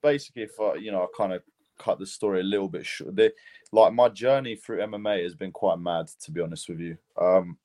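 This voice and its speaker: A man's voice: low voice, fairly quick, dark tone. A young man from Lithuania with a British accent, a fighter telling his story in a casual podcast interview, rambling and laid-back with lots of fillers. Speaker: mixed martial arts fighter, guest.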